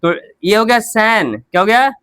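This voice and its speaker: A man's voice: high voice, very animated, normal speed, a bit bright, smooth, dry recording. A male English teacher with a Hindi accent, teaching pronunciation in Hindi, who drills words over and over and answers his own questions. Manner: repetitive drilling, asks questions and answers them himself. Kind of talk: spoken English lesson in Hindi.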